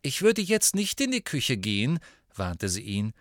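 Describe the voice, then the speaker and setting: A man's voice: medium pitch, wildly swooping pitch, unhurried, no echo, studio quality. A male narrator voicing a teenage girl in a storybook reading, giving a matter-of-fact warning.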